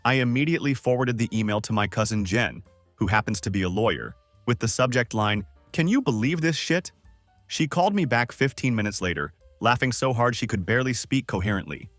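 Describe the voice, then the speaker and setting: A man's voice: lowish voice, lively intonation, a little fast, a bit bright, no echo, faint music behind. A man narrating a scripted first-person story in a dry, sardonic manner.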